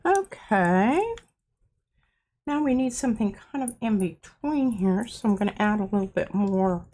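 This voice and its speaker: In a home art studio, a craft show host runs a casual art demonstration, chatting and poking fun at herself as she works. Her voice is medium-pitched, expressive and dark in tone, unhurried, and a bit stuffy-nosed.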